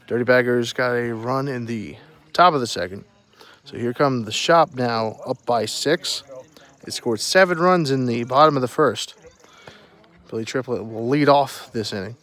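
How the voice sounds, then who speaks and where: A man announcing a baseball game live, giving short, clipped updates on pitches and the count. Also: normal speed, a bit bright.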